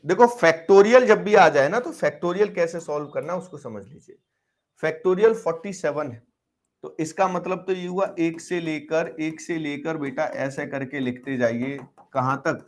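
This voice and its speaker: Coaxing male math teacher, slightly high voice. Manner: coaxing, quizzing students, switching between Hindi and English terms. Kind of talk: live online math class.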